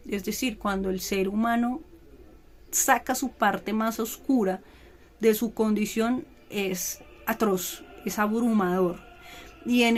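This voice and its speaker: Woman teacher lecturing, fairly high voice. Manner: explanatory, checks in with frequent "¿sí?". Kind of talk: classroom lecture.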